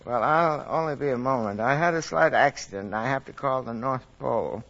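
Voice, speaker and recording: A man playing a jolly, gentle Santa Claus. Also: medium pitch, brisk, vocal fry, natural voice. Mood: polite. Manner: bumbling, mild and chuckling. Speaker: comedy guest star. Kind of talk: 1940s radio comedy acting. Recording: dull old radio broadcast with faint hiss.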